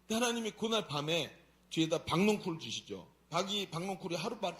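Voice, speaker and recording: A male pastor preaches at a Friday prayer meeting in a church sanctuary, telling the story in a colloquial, animated way. His voice is high-pitched.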